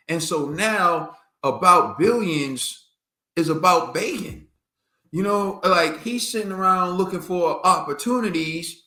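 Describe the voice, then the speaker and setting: Male podcast co-host, bright forceful voice, roomy echo, emphatic casual boxing talk. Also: a little high. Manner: emphatic, animated, laughs often.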